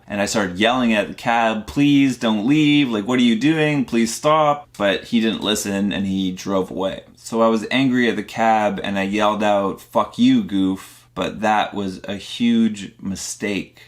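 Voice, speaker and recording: A young man narrating a personal story in a plainspoken, earnest way, slowing down on the grim moments. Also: fairly low pitch.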